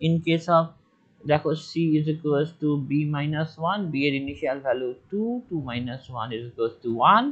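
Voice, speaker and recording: A man with a notably high voice teaches an online class, stepping methodically through each case. His audio is dull and lo-fi, and it keeps breaking up and cutting out. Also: slow, fairly bright tone. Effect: choppy online audio that keeps cutting out.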